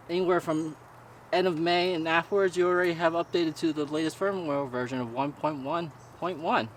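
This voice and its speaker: A man with a slightly high voice talks through a piece of gear as a reviewer. His delivery is casual and a bit halting, with stumbled words. The raw recording carries faint background noise. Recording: noisy raw camera-mic audio with ambience.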